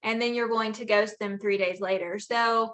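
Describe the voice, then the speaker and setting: A woman's voice: mid-range voice, steady tone, moderate pace, fairly bright tone. A woman author hosting a casual panel chat on a video call, talking earnestly with lots of fillers. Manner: earnest, chatty, full of fillers. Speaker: author hosting a book talk.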